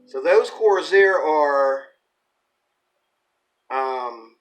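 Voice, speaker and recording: Speaking very slowly in a slightly high, animated voice, a man hosts his channel's informal ukulele lesson, mixing instruction with playing as he rambles in a folksy way, thinks aloud and corrects himself. Ukulele strumming and soft background music accompany him, and the audio is poor.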